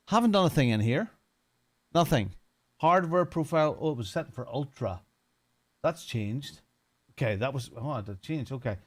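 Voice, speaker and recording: A slightly mellow, medium-pitched voice belongs to a man in his fifties from Northern Ireland who streams sim racing and heads a community. He chats casually and without a script, sharing first impressions of a racing game.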